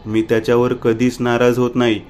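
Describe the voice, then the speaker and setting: Man voicing rustic village friend, flat delivery. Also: medium pitch, fairly quick, natural voice.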